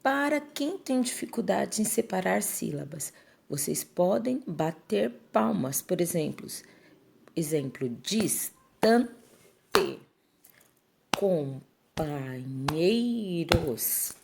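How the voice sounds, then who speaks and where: A woman teacher giving a lesson to schoolchildren, dictating words slowly and checking in with her pupils. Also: mid-range voice, sing-song, a little mellow. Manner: slow, clear dictation, syllable by syllable. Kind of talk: classroom lesson for children.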